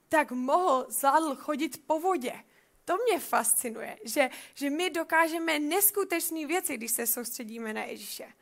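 A woman reading a Bible passage and reflecting on it in a conversational way, often repeating words as she thinks. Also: high-pitched.

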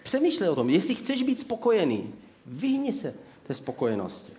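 A man preaches an ironic sermon. He hands out sarcastic mock advice and tells his stories with lively, animated energy. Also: sits high, slight background noise.

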